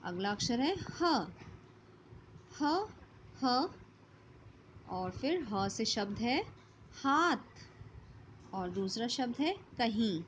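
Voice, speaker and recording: In an online class, a woman teacher works through a workbook lesson, patiently sounding out letters and words. Her medium-pitched voice has lively intonation and an unhurried pace with few pauses. The lo-fi audio is slightly dull, with a faint hiss or hum.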